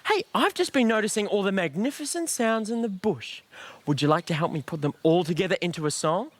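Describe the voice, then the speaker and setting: A man's voice: high-pitched, a little fast, dry recording. An Australian man presenting a children's show in a playful, exclamatory, musical style. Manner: exclamatory, animated. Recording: loud music under the voice.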